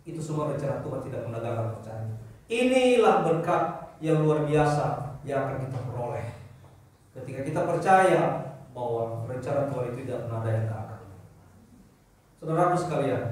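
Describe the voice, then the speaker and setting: A man preaching a sermon as pastor, animated, acting out little dialogues and repeating phrases for emphasis. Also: on the high side. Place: church hall. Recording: very echoey church hall, mic at distance.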